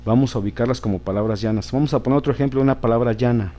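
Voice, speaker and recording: A man's voice: mid-range voice, very fast, warm tone. A man teaching a grammar lesson, patiently repeating words and checking in with his listeners.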